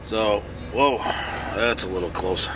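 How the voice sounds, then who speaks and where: A man's voice: on the low side, takes it slowly, noisy background. A middle-aged man, sick and groggy as if hungover, talks casually in a folksy, plainspoken way as a truck driver vlogging. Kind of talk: casual vlog talk. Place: truck cab.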